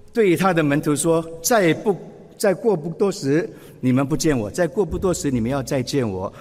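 A man preaching a sermon, lively and expressive, acting out quoted words with feeling. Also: fairly high pitch, in a large hall. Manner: expressive, acts out quoted speech with emotion. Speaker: pastor.

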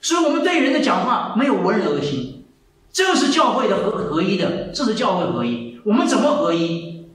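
A man in his seventies preaching a sermon, telling stories with lively, repeated phrases. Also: high voice, a little fast. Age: 70s. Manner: animated storytelling, repeats phrases. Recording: echoey hall, mic far off, faint ambience.

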